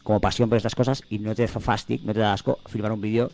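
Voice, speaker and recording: A man's voice: on the low side, fairly even intonation, gravelly, darkish tone. A man from co-hosting a comedy radio show, chiming in with jokey remarks. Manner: rapid-fire, chiming in, jokey.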